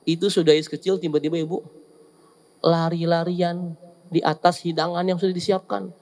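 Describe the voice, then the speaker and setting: A male preacher, giving a lively, joking sermon to a seated audience and often teasing them. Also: a little high, moderate pace. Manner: joking, teasing the audience with asides and acted quotes.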